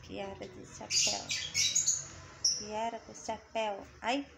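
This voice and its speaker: A woman's voice: medium pitch, flat delivery, slow pace, vocal fry, very noisy. A woman talking to her pet bird, scolding it fondly in a doting pet-talk voice, with bird chirps behind her.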